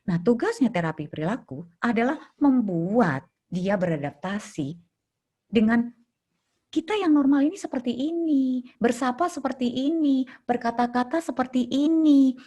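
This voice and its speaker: Husky woman telling lively anecdotes. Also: fairly high pitch. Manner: animated, acts out scenes with sound effects. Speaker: guest child therapist. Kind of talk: casual storytelling interview.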